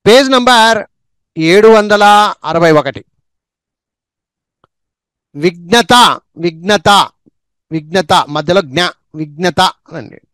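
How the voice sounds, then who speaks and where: Slow, high-voiced man drilling word sounds. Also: animated, a bit bright, smooth, no echo. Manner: says each word slowly two or three times, with quick asides on how to practise. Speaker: Telugu reading teacher. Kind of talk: slow spelling and pronunciation drill.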